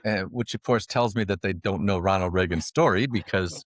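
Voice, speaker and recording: His voice sits low and his pace is moderate as this financial advisor tells stories on a podcast interview. He's lively and jokey, laughing at his own lines. The audio is dry and of studio quality.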